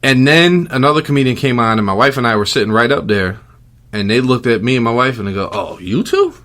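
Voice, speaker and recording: A man's voice: medium pitch, quick pace, fairly bright tone. A man co-hosting a podcast, chatting casually and telling stories, often laughing and acting out the voices of people in them. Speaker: podcast co-host. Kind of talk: casual chat, animated storytelling.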